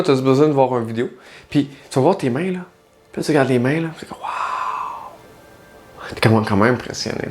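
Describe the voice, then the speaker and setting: A man, a life coach and spiritual guide, speaking in a casual direct-to-camera monologue, talking straight to the listener and asking many rhetorical questions. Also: mid-range voice.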